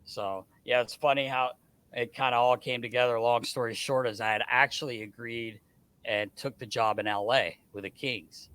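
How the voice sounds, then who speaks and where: A middle-aged man spins a long story as a guest on a podcast, his voice bright and forward. He acts out other people's lines with lively shifts and stumbles over restarts. The sound is close and dry, with no room around it. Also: medium pitch, normal speed, clear, resonant tone, dry recording. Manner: animated storyteller, acts out quoted dialogue, frequent restarts. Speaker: guest, hockey scout.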